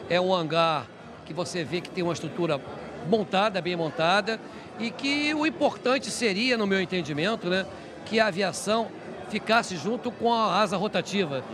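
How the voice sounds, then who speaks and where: High-pitched Brazilian man in his sixties. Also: normal speed. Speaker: interview guest. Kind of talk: informal interview answers. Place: indoor reception event at a hangar. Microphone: handheld interview microphone. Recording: busy event crowd chatter behind.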